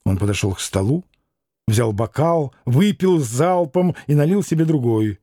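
Mellow male audiobook narrator. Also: medium pitch, animated, unhurried, no room sound, studio quality. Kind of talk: scripted narration.

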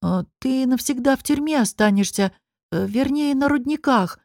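A sullen young guard from a fantasy audiobook who mumbles bad news with embarrassment, read by a woman. The voice sits mid-pitch. The sound is dry and close. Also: steady tone, normal speed, a little mellow, no room sound, natural voice. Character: sullen young man, the other guard brother.

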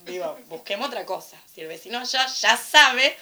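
A young adult woman from Argentina with a Rioplatense accent, talking casually on a panel, animated and irreverent, acting out the voices she quotes. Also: mid-range voice, normal speed. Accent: Rioplatense Spanish. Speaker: panel speaker. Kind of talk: casual storytelling commentary at a panel.

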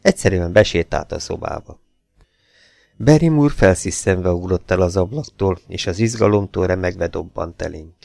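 A man calmly narrating an audiobook in the first person. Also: low-pitched, gravelly, no room sound. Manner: calm, measured first-person telling. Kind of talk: scripted narration.

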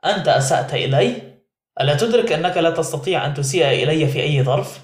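A man's voice: a little high, animated, fast, roomy sound, close to an everyday voice. A man voicing a haughty, drunken young man who speaks with contempt in an audiobook. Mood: contemptuous.

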